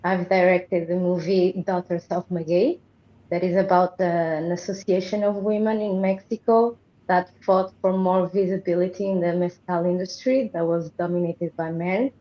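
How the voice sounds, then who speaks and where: A woman from Portugal, a documentary director who speaks in a measured, plain way. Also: on the low side, steady tone, muffled recording.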